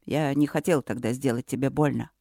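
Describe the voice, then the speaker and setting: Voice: mid-range voice, steady tone, fairly quick, vocal fry, dark tone, no room sound, clean studio sound, pitched below the performer's own voice, lightly acted. A reader voicing an arrogant, curt young novice in an audiobook, speaking with scorn. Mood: cool. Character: haughty, curt young novice monk, man. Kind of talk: audiobook character voice.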